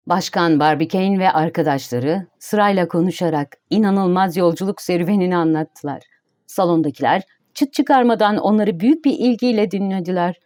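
A woman narrating an audiobook in a steady, even reading voice. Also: fairly low pitch, dry recording, studio quality.

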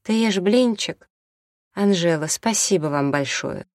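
A man's voice: sits high, animated, measured pace, no room sound, studio quality, voice pushed up. A man voicing a tearful, worn-out young mother. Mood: weary.

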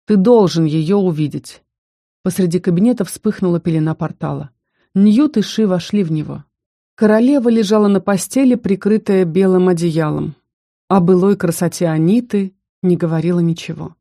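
Mellow, dry audiobook narrator. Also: medium pitch, a little fast, dry recording. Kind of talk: scripted narration.

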